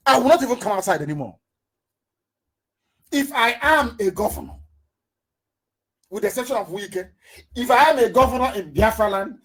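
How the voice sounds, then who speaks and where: Middle-aged man, fiery political broadcaster, husky voice, very animated pitch. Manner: fiery, rhetorical questions, repeats words for emphasis, bursts into shouting. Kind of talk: impassioned political address.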